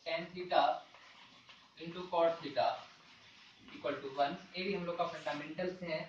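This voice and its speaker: A man teaching a math lesson at a board, talking through formulas slowly and checking in with the class again and again. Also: on the high side, slight background noise. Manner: repeats points with frequent "ठीक है" check-ins; slow and deliberate when writing formulas. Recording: echoey, dull sound from a distant mic.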